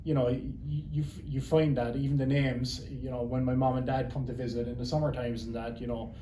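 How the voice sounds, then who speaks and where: A man's voice: mid-range voice, flat delivery, a little fast, mellow, reverberant, slight background noise, rough recording. A middle-aged man with a Cork Irish accent, chatting as an interview guest and rambling with repeated words. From Ireland. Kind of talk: casual interview chat.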